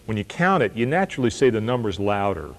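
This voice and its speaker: A middle-aged man teaching a guitar lesson, explaining and counting in a relaxed way while he plays. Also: on the low side, fast talker. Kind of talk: instructional demonstration. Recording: loud guitar playing behind the voice. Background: loud acoustic guitar playing.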